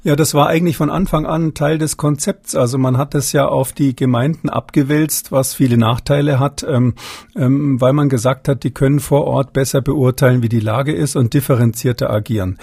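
A man's voice: mid-range voice, steady tone, moderate pace, gravelly, darkish tone, slightly rough, no room sound. A man answering interview questions as an expert guest, hesitant, with many fillers and restarts.

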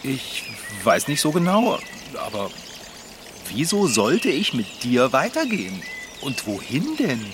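A man's voice: medium pitch, huge pitch swings, slow pace, noisy background. An actor playing a confused man with no memory who stammers and giggles nervously, in a children's radio play. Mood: bewildered. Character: bewildered man with no memory, bike mechanic. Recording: outdoor nature ambience behind.

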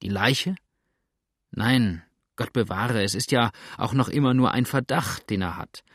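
A man's voice: mid-range voice, unhurried, a bit bright, breathy edge, dry recording, studio quality. A man reading aloud as a grumbling, blunt old male boatswain in a storybook. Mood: gruff.

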